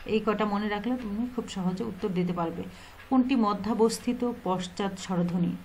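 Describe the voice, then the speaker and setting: A woman's voice: medium pitch, moderate pace, a little mellow, a little hiss or hum, low-quality recording. A woman with a Bangladeshi Bengali accent teaching an exam-prep lesson, asking questions and answering them herself, repeating key points.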